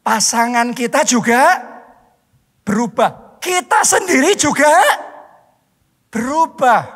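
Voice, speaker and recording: A male pastor from Indonesia preaching a sermon, stressing points loudly and then dropping to soft, drawn-out words. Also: very high-pitched, expressive, slightly rough. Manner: emphatic, swings between loud stress and soft drawn-out words. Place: church hall. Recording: long hall reverb.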